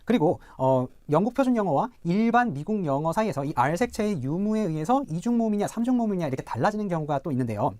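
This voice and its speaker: A middle-aged man delivers a pronunciation lecture, his voice pitched a little high and lively. He talks quickly, repeats example words slowly and asks little checking questions. The recording is close and dry. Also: no echo. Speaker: professor teaching English pronunciation.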